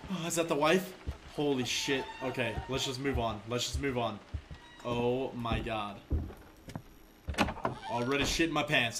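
A man streaming a horror game with jumpy commentary, swearing a lot and shrieking when startled. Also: mid-range voice. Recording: noisy with mouse clicks.

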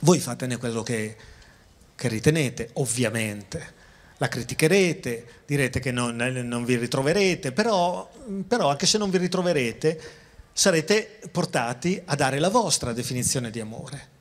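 A man giving a public philosophy lecture, speaking conversationally to the audience and slowing down to stress key words. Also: mid-range voice, expressive. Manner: conversational, addresses audience directly, repeats and restarts phrases. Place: outdoor town square.

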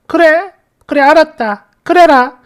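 A woman voicing a curt, domineering older mother-in-law who scolds loudly. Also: high voice, unhurried, pitched above the performer's own voice. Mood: dismissive.

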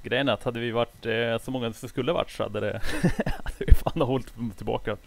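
A relaxed man talking through team tactics on a game voice call, chuckling as he goes. His voice has a gravelly, creaky edge at a middling pitch. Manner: relaxed, laughs easily, explains plans. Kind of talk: casual gaming voice chat.

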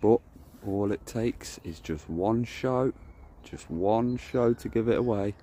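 Walking through lakeside bushes with his phone camera, a low-voiced carp angler vlogger records a casual walk-and-talk vlog. He takes it slowly in a warm tone, rambling, chatty and correcting himself, over a little hiss or hum.

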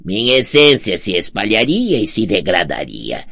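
A man's voice: fairly low pitch, huge pitch swings, moderate pace, vocal fry, a bit bright, pitched above the performer's own voice, heavily acted. A man voicing a greedy, scheming blind old man in an audiobook, sly and wheedling with theatrical swoops. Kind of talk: audiobook character voice.

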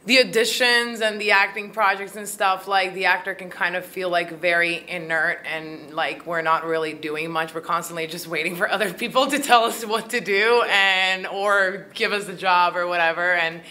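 The woman, a Croatian filmmaker and actor in her thirties, talks at a normal speed with few pauses in a lowish, pushed, bright voice with fairly even intonation. She answers questions chattily with many fillers, speaking into a handheld mic held by the interviewer in a small room at a film festival.

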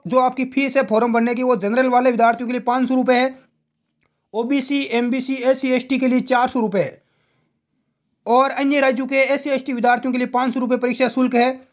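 A man hosting an informal exam news update as a coaching teacher, speaking directly to students and posing questions. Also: very high-pitched. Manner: direct address with rhetorical questions.

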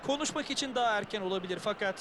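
A man's voice: high voice, very fast. A man giving analytical football commentary as a co-commentator. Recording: loud stadium-like background noise.

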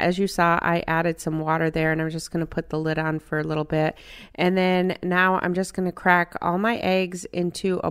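A middle-aged woman narrating her home cooking step by step in a relaxed, chatty way. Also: fairly low pitch, clear, resonant tone. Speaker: cooking channel host.

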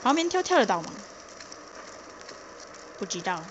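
A woman's voice: medium pitch, sing-song, a little slow, dull audio. A woman commenting casually on a game she plays, talking to herself and urging herself to hurry. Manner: chatty, self-talking, urgent bursts of "hurry". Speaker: gameplay commentator. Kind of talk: casual let's-play commentary. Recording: loud background noise.

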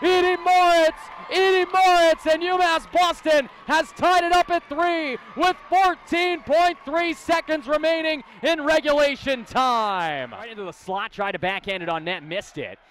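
A man giving excited play-by-play commentary on hockey, in clipped running phrases that build in excitement. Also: very high-pitched, unhurried. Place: indoor ice hockey rink. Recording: noisy rink broadcast with ambience.

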